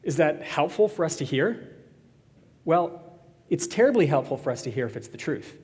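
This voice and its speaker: A man's voice: on the high side, expressive, normal speed, darkish tone. A man preaching a sermon to his congregation, conversational and joking, teasing the crowd between points. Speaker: pastor. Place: church sanctuary. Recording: long reverb of a church hall.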